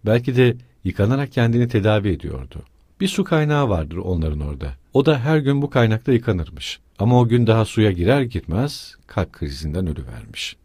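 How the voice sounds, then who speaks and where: A man playing a flustered older mother, quick anxious talk, husky, lilting. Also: on the low side, big pitch swings, a little mellow, no echo, clean studio sound, heavily acted. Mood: fretful. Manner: hurried, fretful talk. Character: anxious talkative elderly mother.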